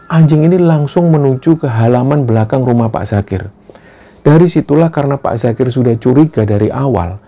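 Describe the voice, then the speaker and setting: Dark gravelly man telling horror stories. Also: on the high side. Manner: steady, earnest retelling with frequent "nah". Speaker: horror story narrator. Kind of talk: storytelling narration.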